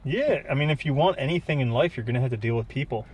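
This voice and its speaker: A man co-hosting a podcast, telling animated stories and cracking jokes. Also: mid-range voice, fast talker, breathy edge. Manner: storytelling, joking, animated. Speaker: podcast co-host. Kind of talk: casual chat.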